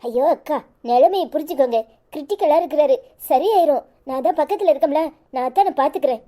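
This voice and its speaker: A woman with a Kanyakumari Tamil accent voicing a calm, reassuring young woman in a cartoon. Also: sits high, fast, lightly acted. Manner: soothing, reassuring. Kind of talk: cartoon voice acting.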